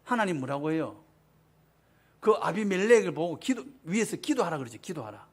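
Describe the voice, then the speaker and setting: A man's voice: high voice, a bit bright, slightly rough. A man, preaching a sermon as pastor, emphatic and often asking the congregation questions. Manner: emphatic, asks the congregation questions, acts out quotes.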